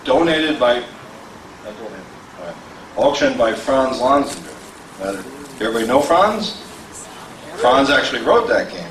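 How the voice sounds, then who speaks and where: Brief: middle-aged male auctioneer, wisecracking, fast bid calls, recorded from far off in a reverberant hall with faint noise. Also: mid-range voice, sing-song, a bit bright. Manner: joking, self-deprecating banter with the crowd; rapid bid calling. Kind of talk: live auction calling. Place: large convention hall with a crowd.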